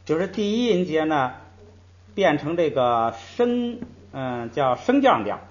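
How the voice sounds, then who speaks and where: A language teacher with a slightly high, sing-song voice takes his time in a classroom-style lecture. He patiently draws out example syllables and peppers his points with "hey," heard through a slightly muffled recording.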